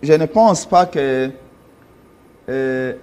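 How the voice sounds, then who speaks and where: A man's voice: mid-range voice, very slow, darkish tone, smooth. A man from Congo, a political party official, defending his leader with insistent, emphatic argument in a studio interview. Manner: emphatic, argumentative, rising in force when insisting.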